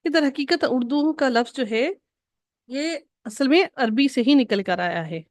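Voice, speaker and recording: Woman teacher, slightly high voice, patient and repetitive, dry close recording. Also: dry recording. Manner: patient, repeats key rules slowly for students. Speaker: Arabic grammar teacher. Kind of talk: recorded grammar lesson.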